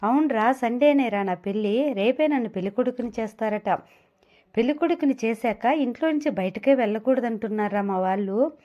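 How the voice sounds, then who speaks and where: A woman's voice: fairly high pitch, warm tone, highs cut off, natural voice. A woman voicing a flustered, anxious young man who is about to be married, reading audio novel dialogue. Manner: flustered, rushing and pleading. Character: anxious young male groom, pleading.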